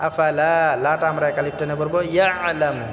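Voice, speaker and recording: A man's voice: on the high side, fairly even intonation, a bit bright. Man teaching tajweed in an echoey room. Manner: chants verses slowly, then explains pronunciation rules briskly. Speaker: Quran recitation teacher. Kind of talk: tajweed lesson, slow chanted recitation alternating with quick spoken explanation. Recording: echoey reverberant room with faint background music.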